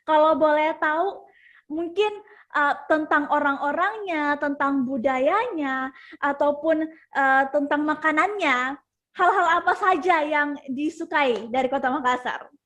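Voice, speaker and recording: A woman's voice: high voice, measured pace, fairly bright tone. A woman hosting an online interview, asking long, polite questions. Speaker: interview host.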